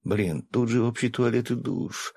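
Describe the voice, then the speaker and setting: A man reading an audiobook, voicing a nosy, pushy young woman journalist with excitable questions. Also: mid-range voice, measured pace, vocal fry, breathy edge, dry recording, voice pushed up. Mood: muttering.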